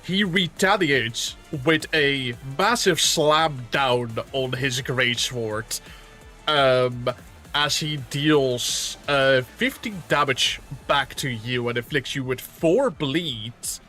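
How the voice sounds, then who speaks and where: A man's voice: medium pitch, slow pace, sharp tone, soft background music. A man acting as game master who narrates a tabletop game in a casual, rambling way and swears lightly now and then.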